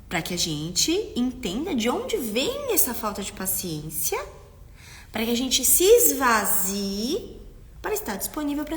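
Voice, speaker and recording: A woman's voice: mid-range voice, fairly bright tone, big-room sound. A woman hosting a live stream for parents, talking earnestly and often checking in with her listeners. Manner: acts out parents and children in quotes. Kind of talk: instructive live-stream talk.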